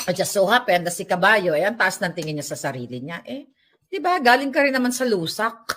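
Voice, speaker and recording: A woman's voice: medium pitch, sing-song, a little fast, fairly bright tone. A woman giving casual, sarcastic vlog commentary at home, ranting animatedly and mixing in English. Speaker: political vlogger. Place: at home while tidying up.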